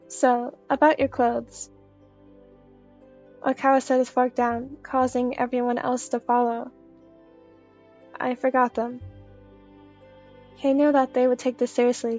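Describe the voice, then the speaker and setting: A woman's voice: a little high, a little mellow. A woman reading a scripted story aloud as narrator. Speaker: fan fiction reader. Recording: slightly dull lo-fi audio under music.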